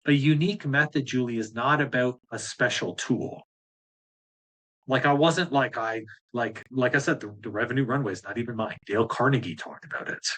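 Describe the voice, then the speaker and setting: A man's voice: medium pitch, normal speed, a bit bright. Blunt, fired-up male business coach. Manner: direct, blunt and fired up, with casual swearing. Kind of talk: live group coaching session.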